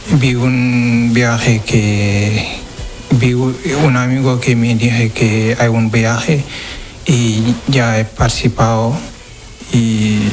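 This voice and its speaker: A man's voice: medium pitch, slight background noise, poor audio. Hesitant young man from Senegal. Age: 20s. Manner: hesitant, halting non-native Spanish. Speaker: interviewee. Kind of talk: street interview.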